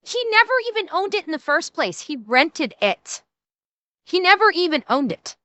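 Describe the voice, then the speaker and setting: A woman's voice: very high-pitched, sing-song, moderate pace, sharp tone, dry recording. A woman streamer reacting to video clips in blunt, sweary, casual commentary.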